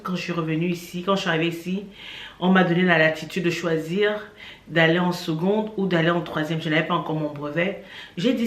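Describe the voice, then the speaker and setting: This Cameroonian woman's voice sits fairly low as she shares an earnest testimony of her faith. Talking straight to the listener, she repeats herself for emphasis, and the room is echoey.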